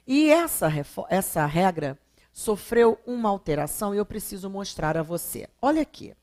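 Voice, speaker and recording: A woman's voice: medium pitch, very animated, a little mellow. A Brazilian woman teaching a recorded grammar lesson, asking rhetorical questions and drawing out words for emphasis. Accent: Brazilian Portuguese. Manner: emphatic, drawn-out syllables when stressing examples; rhetorical questions answered herself.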